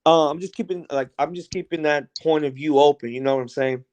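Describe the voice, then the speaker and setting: Slangy frat-bro man, slightly high voice. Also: a little fast, a little mellow. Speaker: panel guest. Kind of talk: casual chat.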